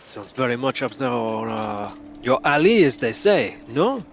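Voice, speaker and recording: A man voicing a gruff soldier, grumbling and ending his questions with "no?". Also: medium pitch, sing-song, unhurried, slight background noise.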